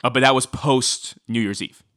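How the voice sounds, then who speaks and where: A man's voice: mid-range voice, normal speed, dry recording, clean studio sound. Chatty man telling a true-crime story. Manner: chatty, filler-heavy, animated when quoting. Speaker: podcast co-host.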